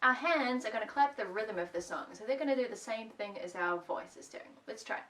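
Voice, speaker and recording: A woman's voice: on the high side, animated, brisk, a bit bright. A woman music teacher leading a children's music lesson at home, playful, singing song lines between her spoken instructions. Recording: voice a little distant from the mic.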